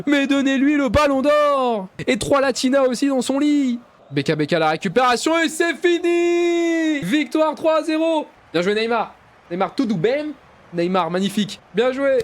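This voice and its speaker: Very high-voiced hyped game commentator man. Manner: hypes goals with shouts and mock-commentator exclamations; drops to low, mumbled asides between bursts. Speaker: gaming YouTuber. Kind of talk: excited play-by-play commentary over a football video game.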